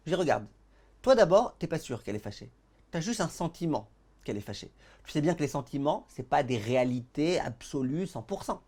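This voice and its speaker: With a fairly high, fairly quick voice, the rabbi leads his class through a Torah lesson, animating stories and voicing the characters' dialogue while talking straight to the audience.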